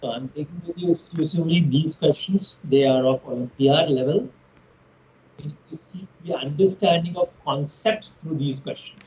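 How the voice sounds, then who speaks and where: A male physics teacher with an Indian English accent leads an online lesson in formal, winding sentences. His voice sits a little high and comes through a dull, muffled call line with faint hiss. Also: moderate pace, darkish tone. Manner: formal, roundabout phrasing.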